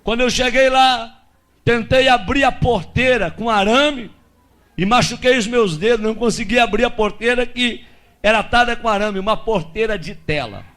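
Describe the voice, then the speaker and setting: A Brazilian man delivers a sermon testimony in a strikingly high voice. He tells the story dramatically, acting out the dialogue and rising to shouts at the big moments. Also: moderate pace. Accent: Brazilian Portuguese. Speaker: pastor.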